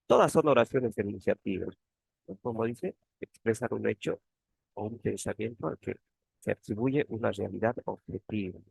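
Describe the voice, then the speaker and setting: Guy explaining grammar online, lots of tag questions, a bit gravelly. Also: on the low side, moderate pace, darkish tone, no room sound. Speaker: teaching assistant.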